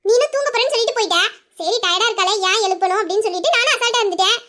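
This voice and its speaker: A chatty young woman with a very high, bright voice, played by a woman, eagerly retelling what happened. She talks in an animated, giggly way in a homemade audio drama. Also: rapid-fire. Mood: excited. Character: chatty young woman, the patient's caring friend.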